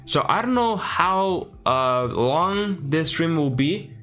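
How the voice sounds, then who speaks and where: A man's voice: fairly high pitch, animated, slow, pushed and bright, soft background music. Chatty male streamer thinking aloud. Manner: chatty, thinks aloud while fixing settings. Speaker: streamer reacting to a livestream. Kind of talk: casual live-stream chat.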